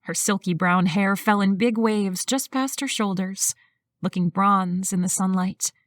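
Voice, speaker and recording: A woman narrating a romance audiobook in a smooth, even storytelling manner. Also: medium pitch, a little slow, no echo, clean studio sound. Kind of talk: scripted narration.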